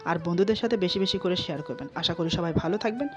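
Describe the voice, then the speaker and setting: A woman narrating a romantic short story in a steady, scripted storytelling manner. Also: on the low side, quick pace. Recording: slightly dull, soft music behind.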